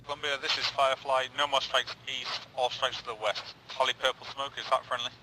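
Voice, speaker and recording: A man's voice: mid-range voice, little pitch movement, brisk, noisy background. A man playing an air support pilot in a military game, giving clipped, terse radio calls through a helmet radio.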